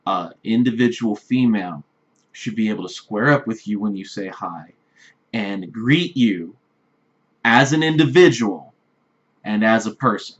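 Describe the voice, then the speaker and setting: A man's voice: on the low side, a little slow. A man giving blunt, repetitive dating advice straight to the camera, often checking in with "right?". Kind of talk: direct-address advice vlog. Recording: slightly dull lo-fi recording.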